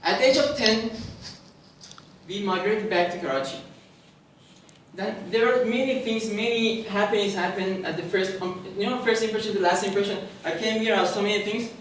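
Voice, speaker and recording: High-voiced young man. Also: a bit bright, slight background noise. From Pakistan. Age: 20s. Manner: asks the audience questions, halting with restarts. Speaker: club speaker. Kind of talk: prepared personal speech to an audience. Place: club meeting room. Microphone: distant mic. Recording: very echoey room, distant mic.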